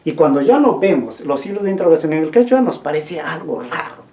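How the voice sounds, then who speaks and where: Mellow, lively teacher in a roomy space. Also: medium pitch, a little fast. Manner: asks the class questions and repeats key points. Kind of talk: language lesson. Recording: roomy echo.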